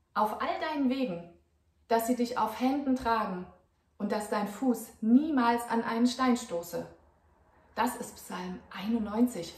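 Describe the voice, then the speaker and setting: A woman from the parish reading a Bible story to children in a gentle storytelling manner. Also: on the high side. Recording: echoey room, distant mic.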